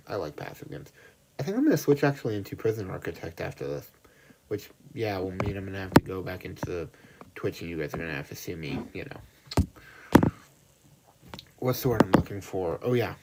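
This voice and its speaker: On a livestream, a young man with a creaky voice on the low side chatters away to himself, wandering from thought to thought and running himself down. There's a lot of background noise.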